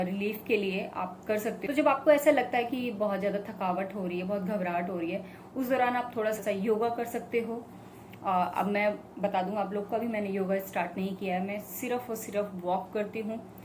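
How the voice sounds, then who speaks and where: A young woman talking casually to her viewers, telling a personal story in a chatty, animated way. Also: mid-range voice, slight background noise. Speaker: vlogger. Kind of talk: casual talk to camera.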